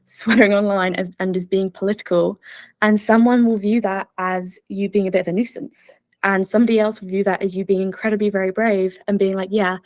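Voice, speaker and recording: A woman's voice: medium pitch, dry recording. A young woman presenting an online workshop in a bubbly, chatty way, full of fillers. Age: young adult. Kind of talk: casual online workshop talk.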